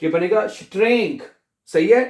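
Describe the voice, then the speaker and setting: A man teaching a language lesson, repeating each word slowly and asking and answering his own questions. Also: high-pitched, a little mellow, echoey room.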